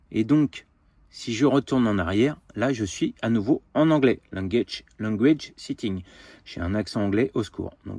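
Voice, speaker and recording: Man, casual reviewer, hesitant delivery, dry close sound, mid pitch. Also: no echo. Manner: relaxed, hesitant with frequent filler pauses. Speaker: car accessory reviewer. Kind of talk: casual product demo and review.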